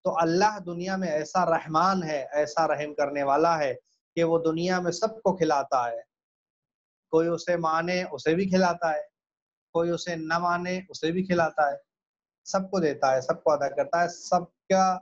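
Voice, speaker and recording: Fairly high-voiced man teaching, dull recording. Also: fairly even intonation. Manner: patient explanation with hesitant fillers, slow careful recitation. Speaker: religious teacher. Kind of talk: Quran commentary lesson.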